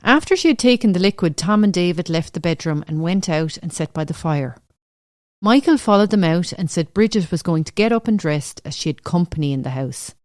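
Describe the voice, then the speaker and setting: A woman giving a measured, solemn scripted true-crime narration for a podcast. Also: on the low side, expressive, darkish tone, dry recording, clean studio sound.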